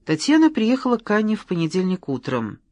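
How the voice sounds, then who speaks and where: An audiobook reader narrating a story in a lively, expressive way. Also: medium pitch, fairly quick, dry recording. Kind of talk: scripted narration.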